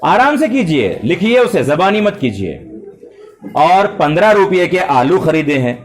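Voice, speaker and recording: A man's voice: on the high side, very animated, unhurried. A middle-aged man teaching math to a full classroom of children, speaking politely and praising them. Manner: addresses students with polite forms and praise.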